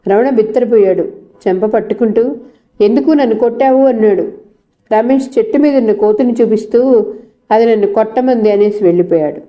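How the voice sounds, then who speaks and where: A woman narrating a novel in a steady storytelling manner. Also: mid-range voice.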